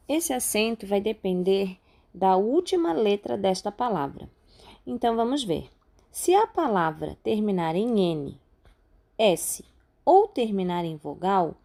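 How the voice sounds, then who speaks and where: A woman teacher with a Brazilian Portuguese accent, patiently explaining a grammar lesson step by step and slowing down on key words. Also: medium pitch, creaky, darkish tone. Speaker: Spanish teacher. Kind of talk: recorded online class.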